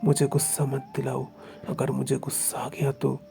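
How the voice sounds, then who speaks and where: A man voicing a domineering young husband who speaks in a quiet, cold and threatening way. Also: medium pitch, monotone, moderate pace, creaky, faint music behind. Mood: commanding.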